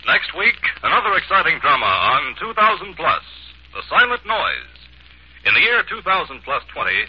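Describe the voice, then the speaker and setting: Man announcing, old broadcast disc. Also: a little high. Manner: lively, announcing credits. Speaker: radio announcer. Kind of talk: 1950s radio drama announcing. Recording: dull lo-fi old radio transcription with music.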